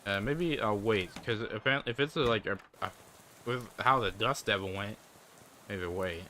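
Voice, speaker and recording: A man's voice: lowish voice, moderate pace, pushed and bright, a little hiss or hum. A man giving casual let's-play commentary, musing aloud and trailing off as he thinks. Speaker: gameplay commentator.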